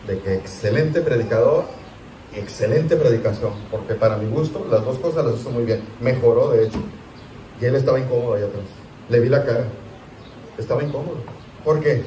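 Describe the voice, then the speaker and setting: A man, a pastor, teaching a Sunday school class in a conversational, animated way, asking his listeners rhetorical questions. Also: medium pitch, a little fast, a little hiss or hum. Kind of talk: sermon teaching. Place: church hall. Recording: echoey church room, distant mic.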